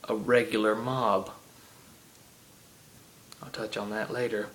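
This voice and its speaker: In a lowish, flat, slightly bright voice, a man with a heavy Southern accent takes his time with a casual game rant. He's a chatty gaming vlogger, prone to ums and side tangents, filmed on an iPod camera.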